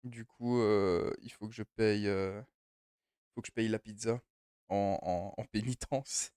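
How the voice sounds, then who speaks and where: A man's voice: on the low side, fairly even intonation, measured pace, darkish tone, smooth, dry recording, studio quality. A young man streaming a game from home, chatting loosely and rambling as he answers his chat. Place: home room.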